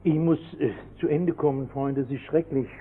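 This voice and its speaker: A high-voiced man preaches with fervour, swinging from hushed asides to sudden shouts as he tells his story. His voice comes through a thin, phone-like old radio broadcast. A long church reverb trails behind every phrase. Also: fairly even intonation, moderate pace, slightly rough, faint music behind. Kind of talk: sermon.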